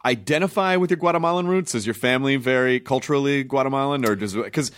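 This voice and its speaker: A man from Memphis hosting a relaxed chat at a middle pitch. He talks in an animated, joking way, slipping into voices to act out quotes. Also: fast talker, smooth. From Memphis, Tennessee. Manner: animated, jokey, often acts out quotes. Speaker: host. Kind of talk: casual interview chat.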